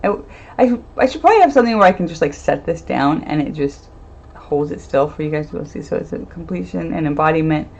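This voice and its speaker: A woman with a low, gravelly, slightly mellow voice and lively intonation talks fairly quickly while giving a casual live-stream tarot reading as a medium. She's chatty, laughs often, and trails off into fillers, and the stream audio is dull and lo-fi.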